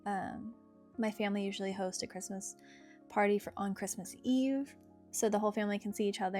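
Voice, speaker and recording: This is casual story-time narration from a young adult woman recounting something that happened to her, talking in a chatty, conversational way. Her medium-pitched voice carries a darkish tone, with guitar music underneath.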